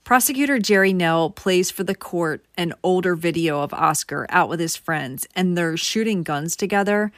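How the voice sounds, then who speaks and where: Woman telling a true crime story to her viewers, lowish voice, dry close sound. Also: no room sound. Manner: conversational, addresses viewers directly. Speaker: true crime channel host. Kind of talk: casual true crime narration.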